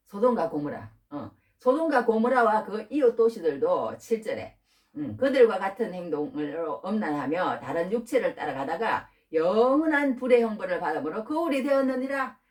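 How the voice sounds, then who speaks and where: A middle-aged woman preaching a sermon, asking the listeners rhetorical questions in an informal, lively way. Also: medium pitch. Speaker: pastor. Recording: distant from the mic.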